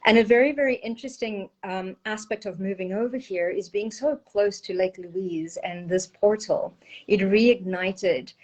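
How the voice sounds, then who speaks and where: A South African woman in her forties, whose first language is Portuguese and who speaks with a South African accent, chats casually as an interview guest over a video call, often saying um. Her mid-range voice moves at a normal speed and is a little mellow, though the audio quality is poor.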